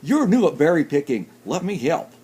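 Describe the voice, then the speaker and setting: Storybook: a warm-hearted, chipper duck, read by a man, lively lilt. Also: fairly high pitch, moderate pace, breathy edge, pitched above the performer's own voice. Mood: cheerful. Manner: bright and kindly. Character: cheerful friendly male duck host.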